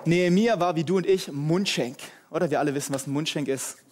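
Energetic high-voiced preacher guy, joking around and talking right to the crowd. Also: fast, noisy background. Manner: energetic, humorous, addresses audience directly. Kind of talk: sermon.

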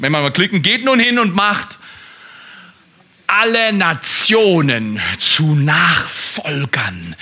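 A man preaching a sermon as pastor, lively and emphatic, with joking asides. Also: sits high.

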